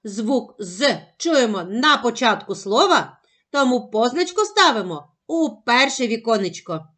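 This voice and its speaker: A woman teaching a phonics lesson to young children, sounding out syllables slowly and carefully. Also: on the high side, sing-song, a bit bright. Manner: slow, careful, over-articulated sounding out of syllables.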